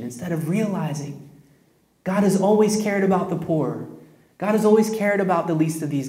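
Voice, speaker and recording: Conversational pastor in a roomy church. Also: male voice, on the high side, mellow. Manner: storytelling, conversational, addresses congregation directly. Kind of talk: sermon. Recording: roomy echo.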